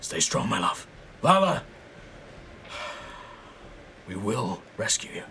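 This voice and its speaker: A man plays a noble, loyal male warrior from a tabletop game. He declaims encouragement like a hero, in a bright, forceful voice with big swings of pitch. Faint noise sits behind him. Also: sing-song, slow, vocal fry, exaggerated voice. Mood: heroic, tender.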